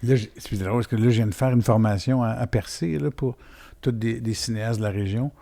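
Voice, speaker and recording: Gravelly Québécois man, relaxed. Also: medium pitch, fairly quick. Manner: relaxed, anecdotal. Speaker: guest, cinematographer. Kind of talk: casual conversation.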